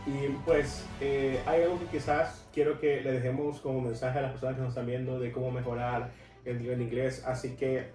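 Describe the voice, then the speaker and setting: A man's voice: mid-range voice, mellow. Male podcast host, chatty and winding; distant from the mic, roomy sound, faint music. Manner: chatty, winding questions with many fillers. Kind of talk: casual podcast interview.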